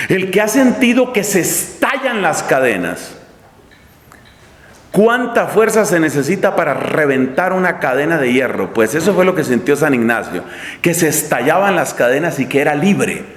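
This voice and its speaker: A man's voice: big pitch swings, moderate pace. Dramatic preacher man in an echoey hall. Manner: dramatic storytelling with large swings in pitch and pace. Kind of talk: sermon.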